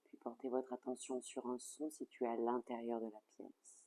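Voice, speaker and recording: A yoga nidra instructor guides a relaxation session in a mid-range voice. The delivery is calm, soothing and measured, with phrases ending softly.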